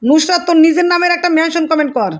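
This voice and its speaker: A woman hosting a live stream speaks with a bright, high voice. She reads out viewers' comments as they come in. She calls each viewer by name and keeps thanking them. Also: quick pace, dull audio.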